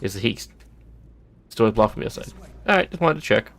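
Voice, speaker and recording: Man streamer, gravelly, casual muttered play-by-play. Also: lowish voice, big pitch swings, brisk. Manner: muttering, thinking aloud while looting. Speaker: gameplay streamer. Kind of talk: casual gameplay commentary.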